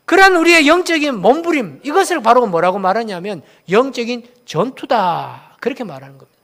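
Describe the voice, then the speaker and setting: A man's voice: very high voice, big pitch swings, fairly quick, a bit bright. A man from Daegu, South Korea, preaching a sermon as a pastor, asking the congregation questions and having them repeat phrases after him.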